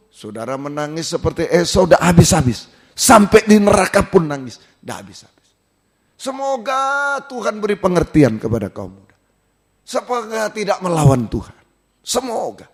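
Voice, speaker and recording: A male pastor from Indonesia delivers an emphatic sermon. His voice sits a little high for a man and leaps about in pitch. He swings between loud exclamations and quiet asides, questioning the listeners. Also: big pitch swings, normal speed, slightly rough.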